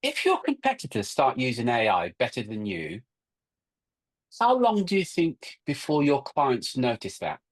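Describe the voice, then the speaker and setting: A man's voice: medium pitch, huge pitch swings, unhurried. A middle-aged man co-hosting a recruiting workshop webinar, talking emphatically and often repeating and restarting his words. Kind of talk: webinar presentation.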